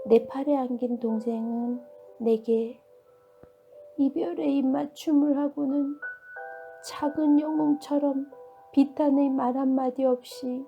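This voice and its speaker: A woman reading a bedtime storybook, voicing a grieving elder male dragonfly in a gentle, mournful way. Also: high-pitched, muffled recording.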